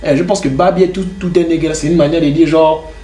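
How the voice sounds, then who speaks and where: A young man talks through his music-making process in a casual, rambling way. His voice sits fairly high. The bedroom adds a noticeable roomy echo. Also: steady tone, fairly quick, mellow. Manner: loose and chatty, many fillers like "genre". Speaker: home music producer and rapper. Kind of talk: casual tutorial talk to camera.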